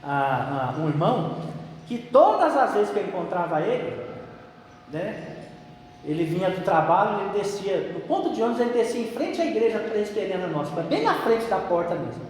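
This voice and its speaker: A man's voice: high-pitched, sing-song, normal speed, slight background noise. A man preaching a sermon in a conversational way, often tagging his sentences with a questioning "né". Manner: conversational preaching with frequent "né" tags. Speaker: pastor. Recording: echoey hall.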